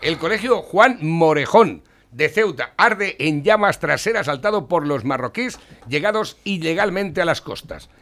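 Mocking, crude Spanish host. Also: male voice, a little high, expressive, measured pace, fairly bright tone. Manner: mocking, crude, reads out headlines. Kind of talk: provocative political commentary.

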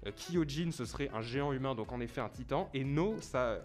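A man's voice: mid-range voice, brisk, faint music behind. A man hosting a casual quiz among friends, explaining answers at length with mock-formal asides. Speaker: quiz host.

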